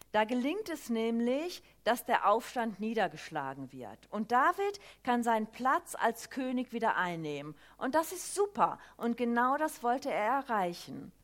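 Woman giving a sermon, tells the bible story all animated and emphatic, voice a bit on the high side. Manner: lively, emphatic storytelling with many fillers. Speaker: preacher.

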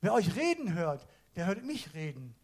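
A man voicing a calm, kindly Jesus, quoted within a casual sermon. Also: high voice, normal speed, full character voice. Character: calm, kindly male Jesus in a retold story.

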